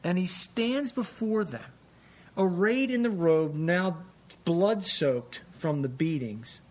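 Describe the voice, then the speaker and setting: Slow, emphatic male preacher. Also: expressive, darkish tone. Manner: emphatic, deliberate, repeats phrases for weight. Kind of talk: dramatic storytelling sermon. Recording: live sermon with faint rumbling noise.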